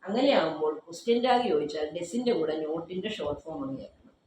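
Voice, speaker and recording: In a very echoey room with faint background noise, a woman with a fairly low, dark voice and lively intonation runs a fast grammar drill. She firmly quizzes the class with questions and repeats each student's answer aloud.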